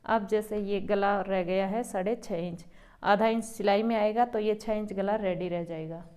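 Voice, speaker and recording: Calm woman teaching a sewing tutorial. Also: mid-range voice, normal speed. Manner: calm, explains each step while working. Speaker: boutique owner teaching tailoring.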